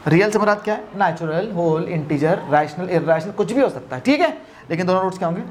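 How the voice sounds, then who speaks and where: A man's voice: high voice, expressive, quick pace, a little hiss or hum. A male math teacher giving a classroom lecture, constantly asking his students questions and mixing Hindi with English.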